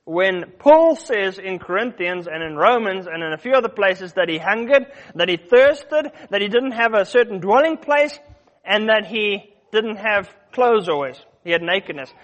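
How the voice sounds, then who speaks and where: Male preacher with a high voice, teaching Bible verses in a sermon and quizzing the congregation. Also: expressive, normal speed, a bit bright. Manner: teaching Bible verses, questioning the audience, with fillers and restarts.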